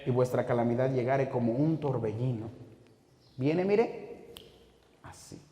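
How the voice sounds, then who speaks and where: A man preaching a sermon as pastor, impassioned, swinging between shouted rebukes and low, intense warnings. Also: unhurried. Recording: echoey hall with long reverb.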